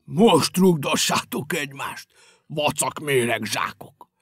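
A man's voice: very high-pitched, big pitch swings, no echo, clean studio sound, pitched above the performer's own voice, full character voice. An actor voicing a chocolate-obsessed round male creature who mumbles, frets and snaps in anger. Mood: angry. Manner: mumbling, huffy, easily startled.

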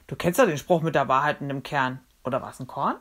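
A woman reading aloud and voicing a brash, excitable eleven-year-old girl who talks loudly and playfully. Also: low-pitched, fast. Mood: teasing. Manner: loud, bossy, playful.

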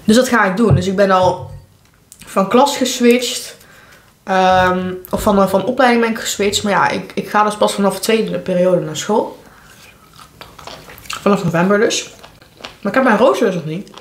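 A woman's voice: mid-range voice, normal speed, long pauses. Young woman chatting in an echoey room. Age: young adult. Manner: candid, informal, talking between bites. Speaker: vlogger. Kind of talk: casual chat while eating, mukbang vlog. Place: living room at home, indoors. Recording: echoey room, clear background noise.

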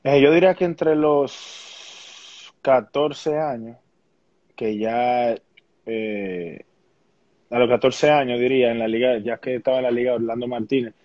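This is a mid-range voice of a young Dominican man with a Dominican Spanish accent, a baseball player guest in a relaxed interview who keeps restarting what he says while staying calm and measured. The video call audio, captured by a laptop webcam in a small room at home, sounds dull and lo-fi, with no echo.

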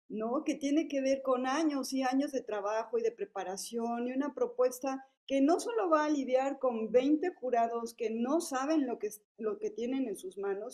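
Fifties woman, Mexican accent, conversational panel speaker, filler-heavy, slightly high voice, dark warm timbre. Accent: Mexican Spanish. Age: 50s. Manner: chatty, many fillers and tag questions. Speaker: panelist at a public policy forum. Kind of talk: forum talk, conversational.

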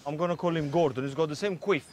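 A man with an Italian accent, an excitable, complaining travel show co-host bantering on horseback outdoors, slipping in Italian words. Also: fairly high pitch, quick pace, a little hiss or hum. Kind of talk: casual banter on a road trip.

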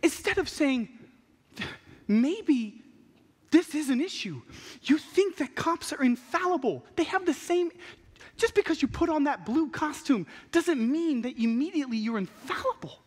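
Young male preacher, high animated voice, passionate sermon, big hall reverb. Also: measured pace. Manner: passionate, animated, acts out what people say. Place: large church stage at a pulpit. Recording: long reverb of a large hall.

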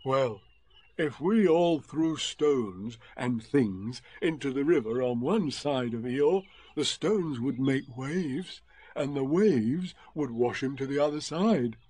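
A man's voice: mid-range voice, animated, slow pace, mellow. A man voicing a kindly, simple-minded male teddy bear who talks hesitantly. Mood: gentle. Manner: hesitant and muddled.

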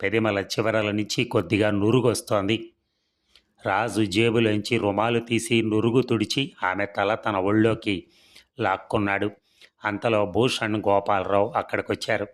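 A man reading a serialized story aloud in a steady, even storytelling manner. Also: lowish voice, moderate pace.

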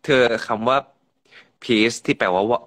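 A man's voice: medium pitch, steady tone, a little slow, fairly bright tone. A young man from Thailand bantering and teasing his co-host on a phone livestream. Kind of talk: casual livestream chat.

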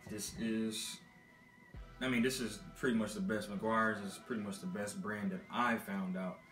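A young man from Texas, his voice on the low side, steady and a bit bright at a moderate pace, rambles in a laid-back, filler-filled way about car care products. The low-quality laptop-mic recording, made in his dim apartment living room, is reverberant with soft background music.

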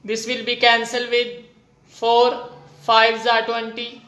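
A maths teacher with a Pakistani accent giving a whiteboard lesson in halting, piecemeal phrases, voice of unclear sex. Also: medium pitch, completely flat delivery, fairly bright tone. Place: indoors at a whiteboard. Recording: echoey room.

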